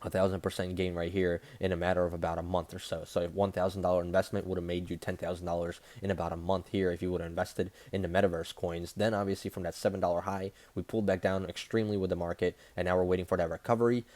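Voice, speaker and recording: Crypto bro guy, deep voice, talks fast n rambly, casual market breakdown for his channel. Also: little pitch movement, darkish tone.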